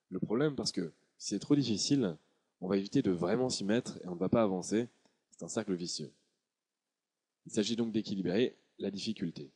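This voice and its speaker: Low, mellow male voice-over. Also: husky. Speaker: author presenting his book. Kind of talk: scripted promotional voice-over.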